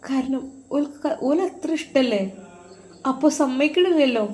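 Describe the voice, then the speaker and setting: Woman doing worried older sister-in-law, malappuram accent, pleading, kinda high voice. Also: normal speed, darkish tone, natural voice. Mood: sorrowful. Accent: Malappuram Malayalam. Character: caring elder sister-in-law, grieving, woman.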